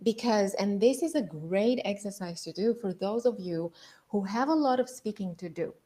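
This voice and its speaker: A woman's voice: medium pitch, lively intonation, moderate pace, mellow. A woman giving an instructional lesson as a voice and public-speaking coach, explaining with emphasis on key words.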